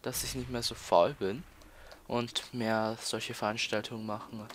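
Over a noisy background, a teenage boy from Austria gives casual let's-play commentary in a mid-range, level voice, speaking a little slowly. He keeps stalling and repeating words, with many fillers.

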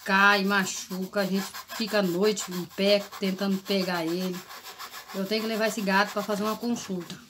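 A woman's voice: mid-range voice, little pitch movement, moderate pace. A middle-aged Brazilian woman with a Brazilian Portuguese accent, a vlogger's mother chatting casually at home and exclaiming to the viewers. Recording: home recording with clear background noise.

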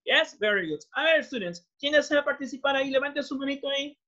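Quick, expressive, and high-pitched with a sharp tone, this woman teaches English over a video call whose audio is muffled. She has a Peruvian Spanish accent, combines Spanish and English, and praises her learners repeatedly.

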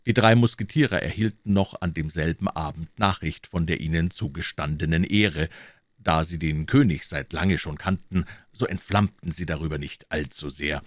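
Deep-voiced man reading an audiobook. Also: dry recording, studio quality. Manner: calm, measured, deep reading voice. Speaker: audiobook reader. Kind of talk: audiobook narration.

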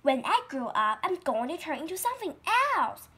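A woman's voice: high voice, big pitch swings, normal speed, a bit bright. A woman voicing a proud, bragging young female caterpillar in a read-aloud storybook. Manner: boastful, self-satisfied.

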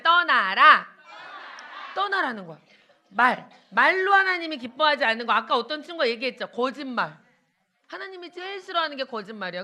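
A young woman preaching a children's sermon in church, animated, asking the kids questions and acting out little quotes. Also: sits high.

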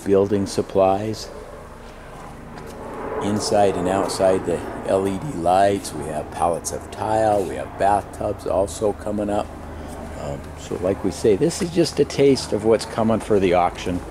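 In an unhurried, low voice, a man plays auctioneer and casually talks up a sale as he wanders a large warehouse showroom, later heading out to an outdoor lot. The narration is unscripted. Sound comes through a handheld camera mic with the operator behind the camera, and the camcorder audio has faint background noise.

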